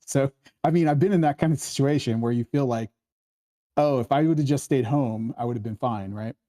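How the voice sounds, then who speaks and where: The speaker is a male workshop host leading a screenplay discussion in a casual setting. His medium-pitched voice is mellow and moderately paced. While explaining conversationally, he acts out quoted lines and frequently asks "right?" to check in with listeners.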